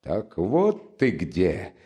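An angry young man scolding his runaway friend with loud reproach, as a man with a deep voice reads him. His pitch rises and falls widely over a low base. It sounds like a storybook reading. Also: sing-song, slow pace. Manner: shouting reproaches.

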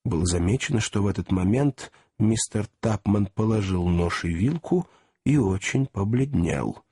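Husky guy reading an old novel out loud, really lively pitch. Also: normal speed, no room sound, studio quality. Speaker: audiobook narrator. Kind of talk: expressive storybook narration.

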